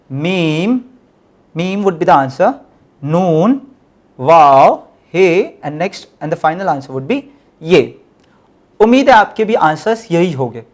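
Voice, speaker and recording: A man's voice: high voice, a little mellow. A man teaching Persian in a recorded lecture, explaining step by step, switching into English and repeating his key points. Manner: spells out letters one by one.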